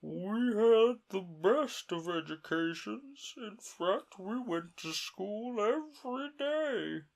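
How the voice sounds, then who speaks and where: A reader voicing a sorrowful, sobbing male Mock Turtle in a storybook reading, with a slow, mournful drawl. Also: mid-range voice, animated, vocal fry, voice pushed up, heavily acted.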